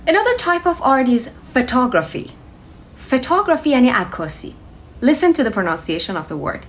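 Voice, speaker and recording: A woman, a native Persian speaker, giving an English vocabulary lesson at a mid pitch. She moves between Persian explanations and English terms, drawing out each word slowly to show how it is said. Faint hiss sits under her voice. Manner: switches between Persian and English, slows to model pronunciation. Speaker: English teacher.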